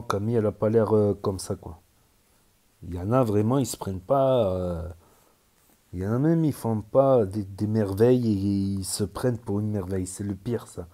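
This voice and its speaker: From southern France, this man has a lowish, warm voice and a southwestern French accent. He rambles casually about social media stories, hesitating frequently.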